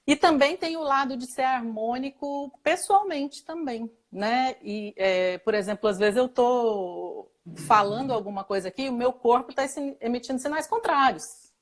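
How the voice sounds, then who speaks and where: Brazilian woman, guest expert, slightly higher voice, chatty explainer. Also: normal speed. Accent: Brazilian Portuguese. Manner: explanatory, with fillers and occasional laughs. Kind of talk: casual live chat.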